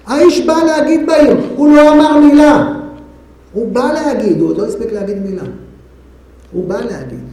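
A man's voice: very high voice, dark tone, heavy reverb, slight background noise, poor audio. A man teaching a Bible class, building drama by firing off rhetorical questions to his listeners. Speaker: Torah teacher.

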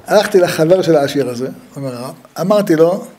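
A man giving a humorous religious talk, telling stories with lively acted-out dialogue and frequent laughter. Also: a little high. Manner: lively storyteller who acts out the dialogue; laughs often at his own stories.

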